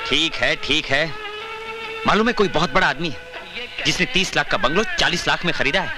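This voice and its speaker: An actor playing an easygoing, teasing middle-aged uncle in a 1990s Bollywood film. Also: male voice, on the high side, moderate pace, close to an everyday voice. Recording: film soundtrack with loud music behind.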